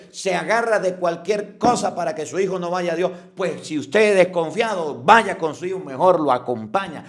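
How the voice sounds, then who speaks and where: A man, a priest giving a fiery, scolding homily with sudden loud outbursts. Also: on the high side.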